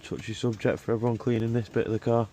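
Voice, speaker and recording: Working man, casual and matey with slangy speech, giving relaxed instructions over background vehicle noise. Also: medium pitch, fast talker. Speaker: car detailer filming and instructing a young helper. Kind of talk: casual chat while working. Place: in and around a vehicle being cleaned.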